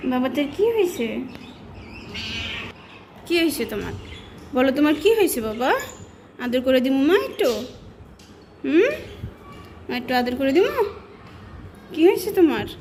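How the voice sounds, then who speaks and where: A woman coos at her cats in fond baby talk, asking them the same soft questions over and over. Her voice sits high. A faint hiss runs under the home recording. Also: sing-song, measured pace, pauses often. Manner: cooing, coaxing, repeating questions. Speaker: cat owner.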